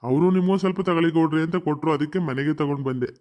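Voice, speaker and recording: A doting old village landlord, voiced by a man in a cartoon comedy. He talks fast in a raised voice, fond and teasing toward his family. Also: on the high side, darkish tone, close to an everyday voice.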